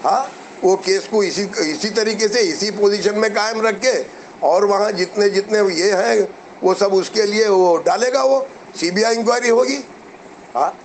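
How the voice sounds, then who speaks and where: A man's voice: high-pitched, a little hiss or hum, rough recording. A middle-aged man, delivering a combative, mocking commentary rant to investors. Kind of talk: heated video commentary.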